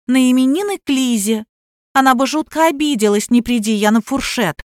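A woman's voice: sits high, expressive, brisk, a little mellow, no echo, clean studio sound, voice pushed up. A woman reader voicing a wheedling young wife who slips into coy baby talk in an audiobook. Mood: babyish. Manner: lisping baby talk, coaxing. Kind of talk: audiobook character voice.

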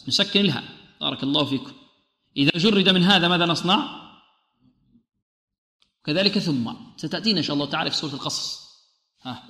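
A man teaching a Quran recitation lesson, who patiently sounds out letters slowly and often praises and blesses his students. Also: fairly high pitch, pushed and bright. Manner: patient, demonstrates sounds slowly and repeats them. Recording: echoey hall reverb.

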